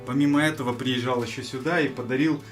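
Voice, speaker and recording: A man's voice: mid-range voice, steady tone, fast talker, soft background music. A man hosting a charity show, interviewing people on location with friendly questions. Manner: friendly questioning, switching between two languages. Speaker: charity show host and reporter.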